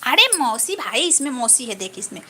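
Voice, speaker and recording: Woman going live on her phone at home, high voice, thanks viewers one by one, chatty. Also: very animated, normal speed, pushed and bright, slight background noise. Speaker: live-stream vlogger. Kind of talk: casual live-stream chat with viewers.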